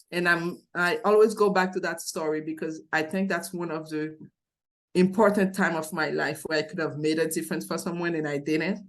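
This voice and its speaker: Telling her story as an interview guest, a woman in her forties from Haiti speaks with a Haitian accent, earnestly and thoughtfully, frequently starting her sentences over. Her voice is on the low side.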